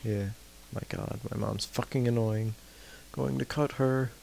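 A man's voice: medium pitch, steady tone, measured pace, vocal fry, a little hiss or hum. A young man hosting a casual gameplay video, loose and swearing now and then. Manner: loose, swears and shouts off-mic at family. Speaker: gaming channel host.

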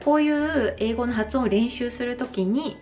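A Japanese woman in her thirties giving a slow, careful pronunciation lesson, exaggerating her mouth shapes when she demonstrates sounds. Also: fairly high pitch, a little mellow, soft background music. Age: 30s. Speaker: English pronunciation teacher. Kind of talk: slow explanatory vlog lesson.

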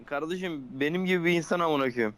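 Brash young gamer guy, rapid-fire talk, slightly high voice, boastful and foul-mouthed. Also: fairly bright tone, smooth. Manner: brash, boastful, swears constantly. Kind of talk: casual gaming voice chat.

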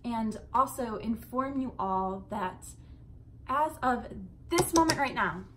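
A young woman vlogging in her bedroom talks to camera informally, rambling, cursing, and tossing in asides. She speaks slowly and expressively in a fairly high voice. The recording is rough, with slight background noise.

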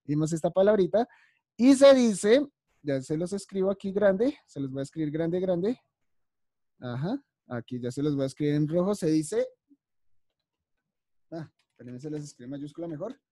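A woman's voice: sits low, warm tone, no echo, studio quality. A woman teaching young children English vocabulary on a video call, patient and encouraging as she calls on each child by name. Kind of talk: online class teaching vocabulary.

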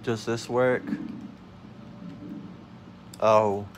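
A man's voice: fairly low pitch, very slow, noisy background. A young man casually commenting on a video game as host, laughing and yelping at his own mishaps. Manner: excitable, yelps and laughs at mishaps. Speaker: let's play host.

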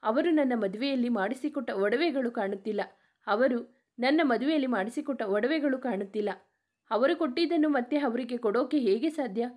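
A woman's voice: on the high side, brisk, darkish tone, natural voice. A woman voicing a wronged young wife who pleads and reproaches through tears in a spoken story. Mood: pleading.

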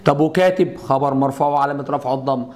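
Racing along at medium pitch with a slightly mellow tone, a middle-aged man with an Egyptian accent gives an Arabic grammar lesson at the board. He guides students through it step by step, repeatedly using rhetorical questions.

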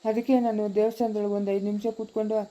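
A woman's voice: mid-range voice, little pitch movement, racing, dark tone, natural voice, rough recording. A woman playing a weary, pious elderly village grandfather in a home-made family drama, speaking humbly and deferentially. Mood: troubled, humble. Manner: humble and deferential, pleading, plain-spoken.

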